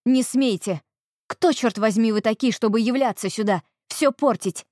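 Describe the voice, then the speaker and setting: A woman reader plays an indignant young woman in an audiobook, her voice climbing high with anger. The tone stays dark and close, with a dry, dead sound and no room around it. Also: moderate pace, dry recording, close to an everyday voice. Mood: furious. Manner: sharp, raised, indignant. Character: furious defiant young woman.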